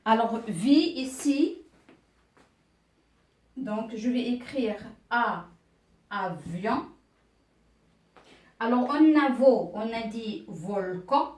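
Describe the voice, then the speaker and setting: A woman teaching a beginner French class, speaking slowly and patiently, spelling out letters and syllables and checking understanding with questions. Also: on the high side, expressive, darkish tone. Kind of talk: beginner French lesson at a board.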